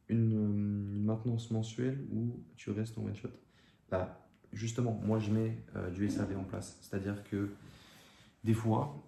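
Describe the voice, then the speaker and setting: Young male creator, gravelly and dark-toned, loose slangy Q&A with lots of fillers, echoey room. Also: fairly low pitch. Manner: casual slangy talk with many fillers and restarts. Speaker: YouTube creator answering viewer questions. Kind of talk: casual Q&A chat to camera. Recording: echoey room with faint ambient noise.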